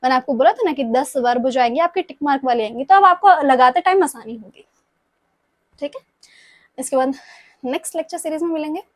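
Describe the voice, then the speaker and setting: A young woman with a sore throat teaches Spanish grammar to exam students, patient and repetitive, often pausing to check in with them. Her voice sits high, and the recording is dry and close with no room sound. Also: no room sound. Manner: patient, repeats points, checks in with "ठीक है?". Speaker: Spanish tutor.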